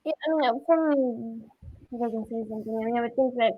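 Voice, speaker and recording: A woman's voice: a little high, a little fast, narrow, tinny audio, slight background noise. A woman joining a casual podcast discussion, speaking tentatively.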